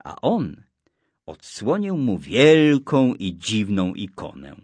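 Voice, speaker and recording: Slow, very expressive male storyteller. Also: lowish voice, slightly rough, dry recording. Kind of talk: religious children's storytelling.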